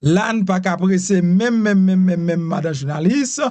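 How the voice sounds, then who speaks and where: A Haitian man with a Haitian accent giving animated immigration news commentary, repeating himself and asking rhetorical questions. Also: sits high, moderate pace, no echo. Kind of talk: news commentary mixing Creole, French and English.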